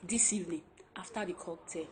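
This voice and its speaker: A woman's voice: lowish voice, brisk, noisy background, close to an everyday voice. A woman with a Nigerian accent playing an unmarried friend in a film drama. She speaks earnestly and gives advice. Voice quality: earnest, advising. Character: unmarried female friend, calm and preachy. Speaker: film actor.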